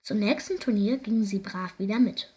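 A woman reading a children's story aloud in a lively, expressive way. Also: mid-range voice, normal speed.

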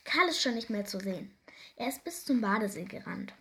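A woman reading a children's story aloud, gentle and expressive, sometimes dropping to a soft whisper. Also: medium pitch, a little fast, gravelly.

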